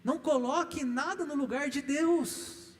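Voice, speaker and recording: A man's voice: very high voice, unhurried. A middle-aged male pastor with a Brazilian Portuguese accent, preaching emphatically in a church, stressing points with rising repeated lists. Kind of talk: sermon teaching. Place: church hall. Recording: echoey church hall.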